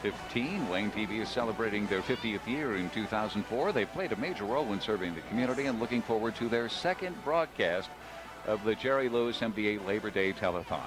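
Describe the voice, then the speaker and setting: A man's voice: on the low side, animated, brisk, low-quality recording. An American man working as a parade commentator, co-hosting a live broadcast with scripted copy and joking ad-libs. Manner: jokey banter. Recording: outdoor street broadcast, music behind.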